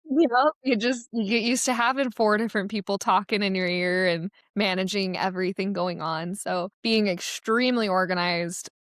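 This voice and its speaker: A woman's voice: medium pitch, steady tone, normal speed, few pauses, no echo, studio quality. A young woman talking casually as a podcast guest about her marketing job, chatty and laughing often. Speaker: guest, associate director of athletics marketing.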